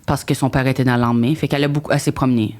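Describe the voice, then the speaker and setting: A woman's voice: extremely low pitch, steady tone, rapid-fire, a little mellow. A young woman with an Acadian French accent, a podcast guest chatting casually and rambling, often dropping English words into her French. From New Brunswick, Canada. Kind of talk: casual chat.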